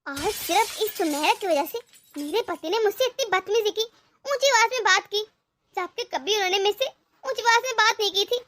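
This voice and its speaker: A woman voicing a resentful, scheming young wife in an animated family story, talking in a bitter, sarcastic, complaining way. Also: extremely high pitch, fairly quick. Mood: bitter grumbling. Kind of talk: animated cartoon voice acting.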